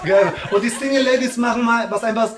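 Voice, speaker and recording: A man with a very high voice and fairly even intonation speaks fairly quickly while teasing a comedy club crowd in live stand-up. His street slang is packed with "Alter" and "Digga," and the recording picks up room echo plus loud hiss and clicks.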